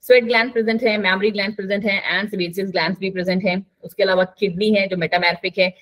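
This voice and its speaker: A woman's voice: medium pitch, steady tone, quick pace, a bit bright. A woman teaching a live online biology class, chatty and coaxing, mixing English terms into her talk.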